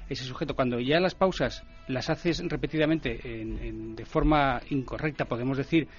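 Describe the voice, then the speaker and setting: A man speaking as a guest commentator in a radio discussion, measured and explanatory. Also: mid-range voice, highs cut off, faint music behind.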